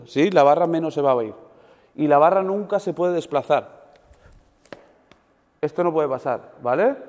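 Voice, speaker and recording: A man coaching a weightlifting seminar group, animated and demonstrative, checking in with his listeners after almost every point. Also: a little high. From Spain. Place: large gym hall. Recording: long gym reverb.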